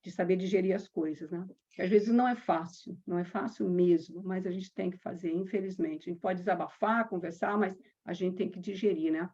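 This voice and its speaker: A woman from Brazil, a yoga teacher, telling a personal story with quoted dialogue and slow chanted mantras. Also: fairly low pitch, fairly even intonation, warm tone, breathy edge. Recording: dull lo-fi sound.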